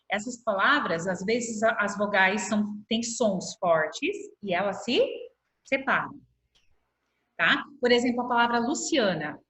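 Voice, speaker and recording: A middle-aged Brazilian woman, a primary school teacher, gives a patient online class from a home room, slowly stretching out words to show how they split. Her mid-range voice is a bit bright and carries a Brazilian Portuguese accent, captured by a laptop mic in echoey video-call audio.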